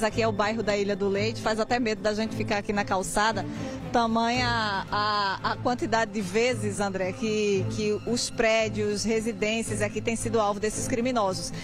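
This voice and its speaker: A young woman gives an unscripted live news report as a field reporter on a handheld microphone. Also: on the high side. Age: young adult. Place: outdoors at night and open residential garage. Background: music.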